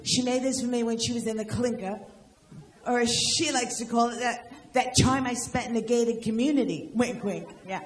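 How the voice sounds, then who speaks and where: A woman's voice: a little high, roomy sound, a little hiss or hum. An older woman doing a stand-up comedy set, firing off brash jokes and teasing people in the audience. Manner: brash, rapid-fire jokes and crowd work. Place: live venue with audience.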